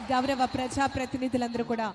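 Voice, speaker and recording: A woman's voice: sits high, little pitch movement, fairly quick. A woman with a Telugu accent making live event announcements in a formal, courteous way. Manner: formal, courteous, honorific-laden. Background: loud music.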